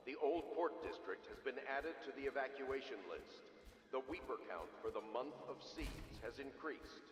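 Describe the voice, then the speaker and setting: A stern loudspeaker city announcer. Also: male voice, mid-range voice. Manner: formal, commanding, measured. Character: stern male city announcer of an authoritarian regime. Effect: through a city loudspeaker. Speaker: public address announcer. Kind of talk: official public announcement. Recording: echoey loudspeaker with long reverb.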